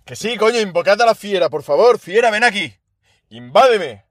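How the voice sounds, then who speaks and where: Boisterous cocky young man, lively pitch. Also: moderate pace, dry recording, clean studio sound. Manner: boisterous, cocky, shouting and trash-talking. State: hoarse from shouting. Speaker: quiz contestant. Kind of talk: rowdy casual chat among friends.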